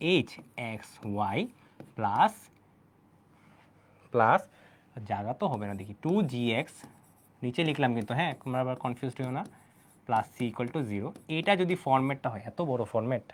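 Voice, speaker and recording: A young man teaching math in an online lecture, chatty and asking his students questions as he goes. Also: mid-range voice. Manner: chatty, talks straight to students, asks them questions. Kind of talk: online exam-prep lecture.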